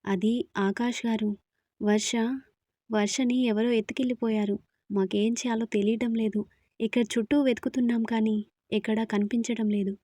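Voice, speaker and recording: Woman voicing an anxious young man, halting and flustered, mellow voice, dry sound. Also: medium pitch, fairly even intonation, no echo, lightly acted.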